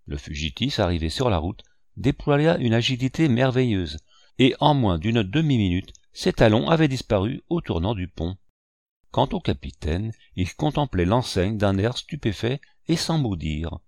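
Male audiobook narrator, low voice, measured, dry close recording. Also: sing-song, vocal fry, a little mellow, no room sound. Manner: measured storytelling. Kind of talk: scripted narration.

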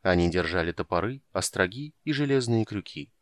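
A man narrating an adventure audiobook with a steady, dramatic delivery. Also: sits low, brisk, dry recording, studio quality. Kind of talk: audiobook reading.

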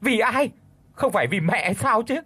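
A man's voice: fairly high pitch, very animated, moderate pace, breathy edge, voice pushed up. A man voicing a pleading young wife. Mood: anguished anger. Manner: trembling, pleading, tearful.

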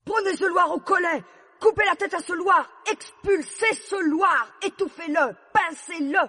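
A man voicing a furious, tyrannical queen who barks beheading orders in a shrill high falsetto for a storybook reading. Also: measured pace, bright, forceful tone, long reverb tail, heavily acted. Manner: barking orders.

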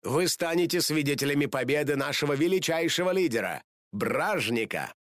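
A man's voice: a little high, expressive, moderate pace, fairly bright tone, no room sound, studio quality, pitched above the performer's own voice. A man voicing a gloating villain newswoman. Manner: slick, gloating. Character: villainous gloating female TV news anchor.

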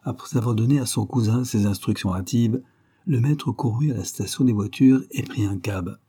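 A man narrating a detective story in a steady, measured storytelling manner. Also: mid-range voice, slightly rough. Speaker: audiobook narrator.

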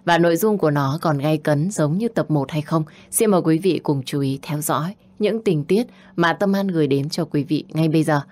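A woman narrating an audio story in a formal, measured manner. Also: low-pitched, darkish tone.

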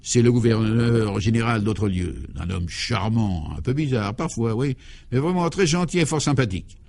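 A man's voice: lively intonation, moderate pace, vocal fry, a little mellow. A man voicing Clovis du Tilleul, an eccentric, jovial 64-year-old former priest, in an old-style French radio comedy, fatherly and exuberant. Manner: exuberant, fatherly, talks up high.

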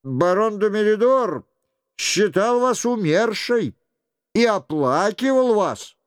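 Young nobleman, restrained and measured, subdued tone, read by a man. Clear storybook voice. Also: high-pitched, very animated, no room sound, studio quality, voice pushed up, heavily acted.

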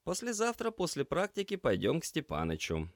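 A man voicing a cheerful, energetic young male paramedic trainee who talks briskly and teases his friend. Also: a little high, dry recording, studio quality, voice pushed up. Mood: upbeat. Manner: brisk, upbeat and teasing.

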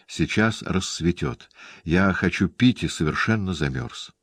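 A man reading the part of a calm, composed nobleman in an audiobook, speaking in a dry, even way. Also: low-pitched, unhurried, slightly rough, no echo, heavily acted.

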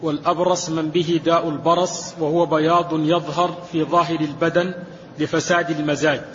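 A man reading a classical commentary aloud to a teacher in a lesson, in a steady, measured recitation. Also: on the high side, slight background noise. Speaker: student reading the text aloud. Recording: dull recording with long hall reverb.

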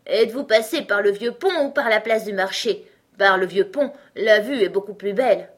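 A woman's voice: mid-range voice, moderate pace, voice pushed up, natural voice. A woman voicing a nervous, fussy king who mutters and trembles in a storybook reading.

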